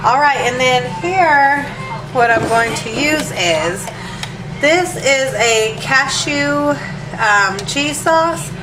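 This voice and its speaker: Stuffed up from allergies, a woman chats her way through a home recipe in her kitchen, full of ums and asides. Her high voice is animated but slow, with music underneath, and the echoey room, distant mic and hiss come through.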